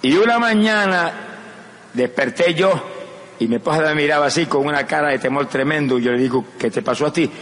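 Un predicador mayor con acento puertorriqueño da un sermón ferviente con testimonio personal, pasando de un relato suave a exclamaciones gritadas. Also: male voice, medium pitch, steady tone, fast. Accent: Puerto Rican Spanish. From Puerto Rico. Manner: swings from soft storytelling to loud shouted exclamations. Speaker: evangelist preacher. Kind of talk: fervent sermon with personal testimony. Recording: echoey hall recording with crowd noise.

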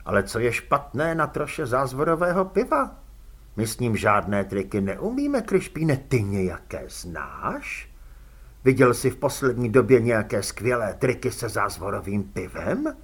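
A man reading an audiobook, voicing a calm male police commander who talks slowly with quiet, probing irony. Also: mid-range voice, slightly rough. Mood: coaxing. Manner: slow, quietly ironic, probing.

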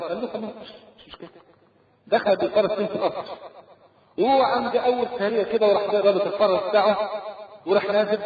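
An Egyptian man preaches in a brisk, raised voice, telling a story and acting out its dialogue with animated questions to his listeners. His words ring through a large echoing hall. The audio is thin and narrow, like a phone line. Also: high-pitched. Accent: Egyptian Arabic. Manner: lively, acts out dialogue, rhetorical questions. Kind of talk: colloquial storytelling sermon.

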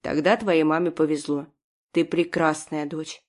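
A woman's voice: sits low, fairly even intonation, a little slow, voice pushed down. A woman voicing a commanding old woman doctor who barks orders in an audiobook. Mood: imperious. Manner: commanding, barking. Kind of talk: audiobook character voice.

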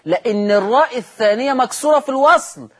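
In a televised lesson, an Egyptian man teaches the rules of Quran recitation, asking the audience questions, answering them himself and slowly drawing out example words. His voice is extremely high-pitched, a bit bright and husky.

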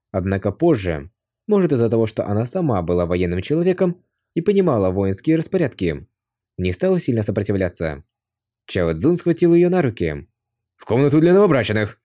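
A man reading an audiobook aloud as scripted narration, expressive, lifting his voice for shouted lines. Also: lowish voice.

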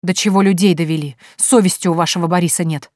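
Woman voicing young pregnant woman, calm, firm, cold, measured, low voice, dry sound. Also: no echo, natural voice.

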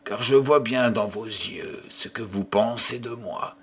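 A man reading an audiobook and voicing a tormented old gambler who swings from hushed whispers to furious outbursts. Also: medium pitch, unhurried, husky. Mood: raging. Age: older. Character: raving old male gambler haunted by the devil.

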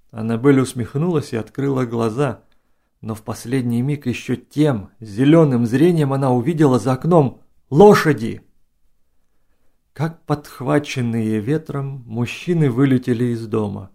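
A man narrating an audiobook in a steady, descriptive storytelling manner. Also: medium pitch, creaky.

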